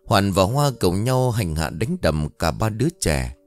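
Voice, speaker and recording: A male storyteller with a lower voice narrates a dark tale dramatically, his pitch swinging widely. Soft music plays faintly beneath him. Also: unhurried. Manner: dramatic, expressive telling.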